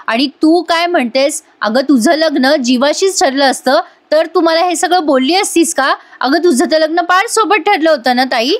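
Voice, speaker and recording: A woman reading the lines of a stubborn younger sister who argues with sharp, confrontational questions. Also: sits high, natural voice. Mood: dismissive.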